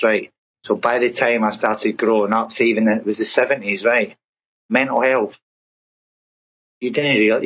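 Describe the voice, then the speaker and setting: This Scottish interview guest, a man in his fifties with a Glasgow accent, chats his way through his life story, frequently adding "right?". He speaks in a lowish voice, and the recording has its highs cut off.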